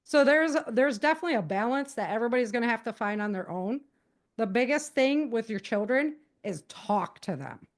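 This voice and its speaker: On the podcast, a middle-aged woman who writes and champions self-defense talks briskly in a high, expressive voice. She hammers home her advice conversationally, repeating the main points and acting out dialogue examples.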